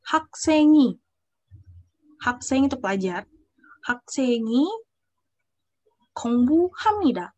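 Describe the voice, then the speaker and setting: High-voiced young woman teaching a class. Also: expressive, takes it slowly, pauses often, a little mellow, dull audio. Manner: explains step by step, checks on students, mixes in Korean example phrases. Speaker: Korean language teacher. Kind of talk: online class lesson.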